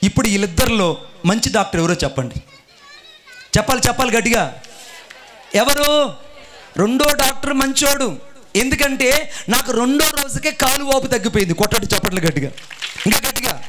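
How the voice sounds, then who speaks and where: A man's voice: very high voice, fairly quick, pauses often. A male pastor preaching a sermon, telling a story and calling on the congregation to answer and clap. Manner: animated preaching with audience call-and-response.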